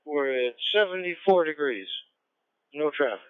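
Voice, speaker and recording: A man checking in to a ham radio net from his car, heard over a radio transmission, talking in a relaxed, chatty way with small restarts. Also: on the high side, normal speed, slight background noise. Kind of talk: casual radio check-in chat. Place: in a car on the road. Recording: tinny, dry radio transmission.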